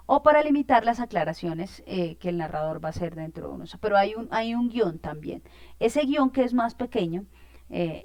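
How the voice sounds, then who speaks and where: A woman's voice: mid-range voice, no echo. Woman teacher, explaining. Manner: explanatory, frequent fillers and check-in questions. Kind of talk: informal online lesson.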